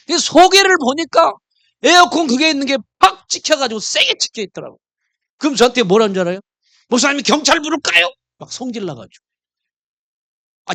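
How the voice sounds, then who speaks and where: A man's voice: high voice, fairly bright tone, dry recording. A middle-aged male pastor telling a personal story in a sermon, acting out the dialogue as he goes.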